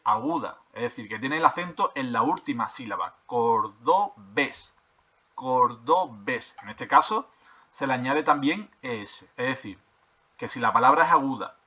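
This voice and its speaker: A man, teaching primary school grammar. He goes over each point more than once and keeps checking in with "¿vale?" and "¿de acuerdo?", hesitating as he reads from the textbook. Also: mid-range voice. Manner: hesitant with fillers and restarts while reading from a textbook. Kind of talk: classroom explanation of grammar. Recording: slightly dull lo-fi recording.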